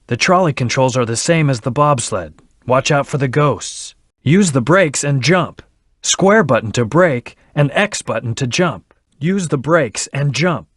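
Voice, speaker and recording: In clean studio quality with no room sound, a man voices a brooding, terse hedgehog antihero for a video game, delivering lines in a serious, clipped, commanding way. His medium-pitched voice is expressive and fairly bright, at a measured pace.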